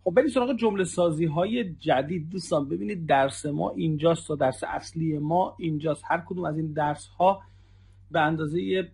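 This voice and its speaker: A male language teacher with a gravelly, husky voice that sits slightly high. He walks through example sentences, repeating each phrase and calling the viewers his friends. His tone stays patient and instructive. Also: darkish tone. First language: Persian. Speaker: Arabic dialect teacher. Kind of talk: online language lesson.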